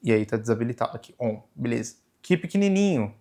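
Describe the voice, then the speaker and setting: A young Brazilian man with a mid-range male voice hosts a casual, hands-on camera tutorial, walking through the camera menu step by step. He talks at a quick pace in a relaxed way, sprinkling in lots of "né" and "tá," and he's recorded on the camera's own microphone.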